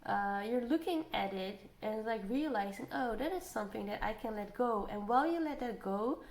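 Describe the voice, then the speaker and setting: A woman's voice: fairly high pitch, lively intonation, moderate pace. A woman giving a casual tarot energy reading, thinking aloud, trailing off and repeating phrases as she goes. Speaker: tarot card reader. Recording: roomy echo, clear background noise.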